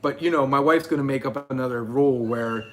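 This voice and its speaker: A man's voice: medium pitch, a little fast. A man in his forties hosting a casual livestream, chatting and reading viewer comments aloud. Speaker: channel host.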